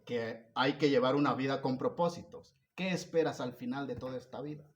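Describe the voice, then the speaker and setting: Male preacher shifting from loud to hushed. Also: mid-range voice, a little fast, lo-fi sound. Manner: swings between loud emphatic peaks and soft, hushed passages; asks the congregation repeated rhetorical questions. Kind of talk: sermon.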